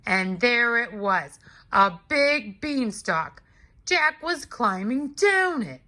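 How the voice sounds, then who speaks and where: Reading a children's storybook aloud with great expression, a woman takes on the full character voice of a big, hungry male giant: a little high, sing-song, pushed and bright. He tells his side indignantly and deliberately, with rueful drama and lots of exclamations.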